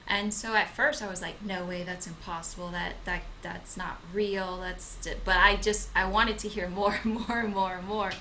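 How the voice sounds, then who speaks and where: A woman's voice: medium pitch, fairly even intonation, moderate pace, hardly any pauses, pushed and bright, a little hiss or hum, rough recording. A young woman co-hosting a channel, introducing herself in casual talk with many hesitant fillers and restarts. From Okinawa, Japan; grew up in the United States. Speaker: channel co-host. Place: home in Madrid.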